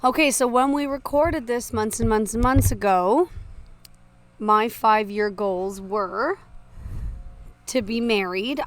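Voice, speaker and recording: A woman in her twenties co-hosting a podcast, chatting breezily with quick asides. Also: mid-range voice. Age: 20s. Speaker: podcast co-host. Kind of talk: casual chat.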